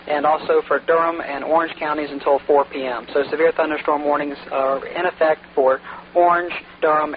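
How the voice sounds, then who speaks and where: A man running a storm-spotter radio net, calling stations and reading weather warnings in brisk procedural radio style with frequent "uh" fillers, heard over a two-way radio with static. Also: on the high side. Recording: narrow radio transmission with faint static.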